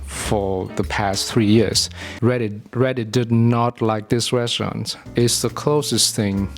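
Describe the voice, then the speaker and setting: A young man with a Vietnamese accent reviews food, narrating a scripted video about his restaurant picks in a low, measured and steady voice. He comes across as earnest and slightly formal, with the occasional blunt aside, while quiet guitar music plays faintly underneath.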